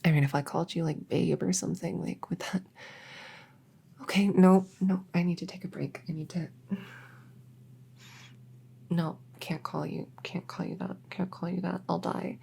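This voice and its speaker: A woman playing a shy, smitten elf neighbor in an ASMR role-play, soft and breathy, stammering hesitantly as she gently cares for the listener. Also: fairly low pitch, fairly even intonation, moderate pace, pauses often, exaggerated voice. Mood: flustered, embarrassed. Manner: hesitant, stammering, awkward rambling.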